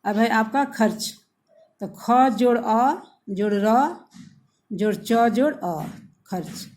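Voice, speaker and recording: Teacher lady, kinda high voice, super slow, spells out every word bit by bit for the kids. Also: darkish tone. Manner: slow, spells words out letter by letter; addresses pupils as children. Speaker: school teacher. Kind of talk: recorded grammar lesson for pupils.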